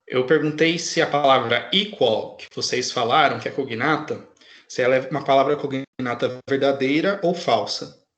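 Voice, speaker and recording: A man's voice: mid-range voice, moderate pace, a bit bright, echoey room. A man teaching an English class online in a patient way, often checking in with his students.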